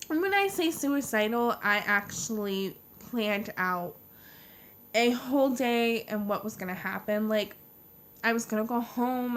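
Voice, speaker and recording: A young American woman vlogging a casual personal storytime in a halting, informal way, leaning hard on the openers of her sentences. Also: mid-range voice, a bit bright, slight background noise. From United States. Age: young adult.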